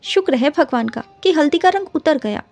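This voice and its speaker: A woman's voice: high-pitched, animated, brisk, gravelly, a little mellow, faint music behind. A woman performing a comic sketch monologue as a reluctant bride, in dramatic, scolding, self-pitying rants.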